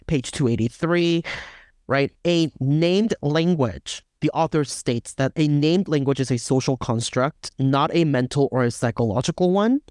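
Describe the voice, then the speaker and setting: A podcast co-host with a mid-range, slightly mellow voice thinks aloud in a casual academic discussion, using fillers and restarts and often checking in with "right?". There's no room sound.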